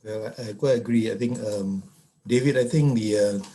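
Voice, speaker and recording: A man from Malaysia, a psychiatrist on a webinar panel, firing off rhetorical questions with halting restarts over a video call. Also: fairly low pitch, dark tone.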